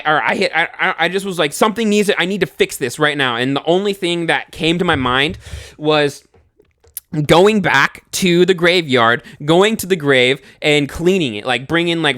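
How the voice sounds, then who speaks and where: A young man telling a scary personal story in casual speech, animated, swearing freely and full of fillers and restarts. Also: a little high, no room sound, clean studio sound.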